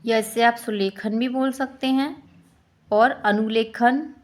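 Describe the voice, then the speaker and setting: Woman teacher, fairly high voice, Indian accent, exam-prep lesson, quizzes listeners by repeating answers. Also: steady tone, slow. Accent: Hindi-belt Indian. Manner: repeats each answer as a quiz question.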